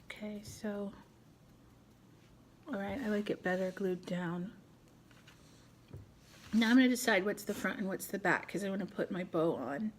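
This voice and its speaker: A woman's voice: medium pitch, normal speed, long pauses, slight background noise. A middle-aged woman hosting a casual crafting tutorial at home, chatting and thinking aloud as she works. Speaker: craft video host.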